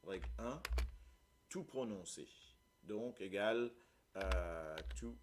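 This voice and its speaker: Slow, low-voiced Mauritian man teaching. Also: animated, noisy background. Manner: explanatory, often checks understanding with "ok?". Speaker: Creole language teacher. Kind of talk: live language lesson.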